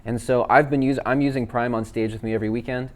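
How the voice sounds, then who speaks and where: A man, a worship leader, walking viewers through app features in a relaxed, chatty way with fillers. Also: mid-range voice, quick pace. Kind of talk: casual software demo. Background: backing tracks playing.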